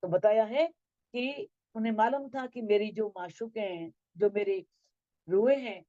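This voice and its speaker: A woman giving a devotional talk on scripture, chanting verses slowly and then explaining them in plain speech. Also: mid-range voice, mellow, dry recording. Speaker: scripture teacher. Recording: dull lo-fi sound.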